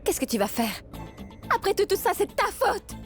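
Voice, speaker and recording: A woman's voice: extremely high pitch, big pitch swings, moderate pace, faint music behind. An actress dubbing a frustrated young female doctor in a French series, scolding and exasperated. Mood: accusing. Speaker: dubbed character.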